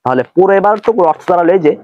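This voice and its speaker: High-voiced man teaching word by word. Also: animated, no room sound, highs cut off. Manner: slow, word-by-word translating. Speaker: Arabic teacher. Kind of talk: recorded textbook lesson.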